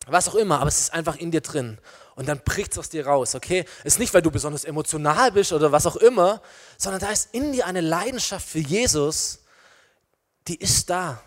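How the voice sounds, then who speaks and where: A man preaching a lively, informal sermon to young people, talking straight to his listeners. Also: on the high side.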